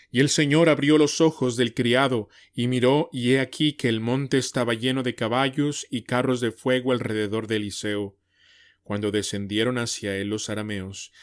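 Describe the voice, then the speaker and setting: A man's voice: medium pitch, no room sound. Man reading scripture, dry close sound. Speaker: Bible reader.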